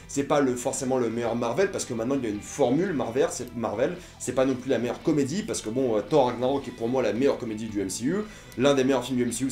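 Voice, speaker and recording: A man's voice: mid-range voice, warm tone, roomy sound. A young man giving an enthusiastic, casual film review, often stopping to correct himself. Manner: fast, enthusiastic, self-correcting.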